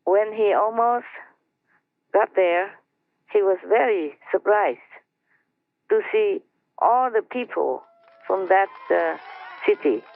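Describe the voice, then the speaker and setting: A woman slowly telling a story to her team over a conference line, chatty and laughing between phrases. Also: mid-range voice, expressive, creaky, no echo. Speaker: spiritual teacher telling a story. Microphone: phone or conference line. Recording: tinny dry phone line.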